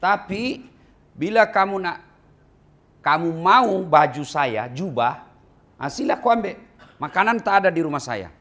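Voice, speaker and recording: A man's voice: sits high, lively intonation, measured pace, long pauses, fairly bright tone, pitched above the performer's own voice. A man voicing a generous holy man who has no food but offers his own robe.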